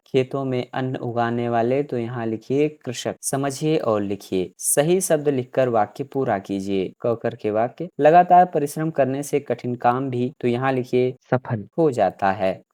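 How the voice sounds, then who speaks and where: A man's voice: medium pitch, darkish tone. A man teaching a children's lesson, methodically reading each question aloud and then explaining it simply. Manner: dictates answers slowly for children to write. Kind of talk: textbook exercise walkthrough.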